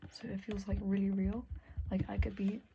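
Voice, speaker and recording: A young woman talking candidly to camera at her desk, soft and halting, often dropping to a whisper. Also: medium pitch, level tone, creaky, lo-fi sound, noisy background. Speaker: vlogger. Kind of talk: candid personal talk to camera. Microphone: earbud mic.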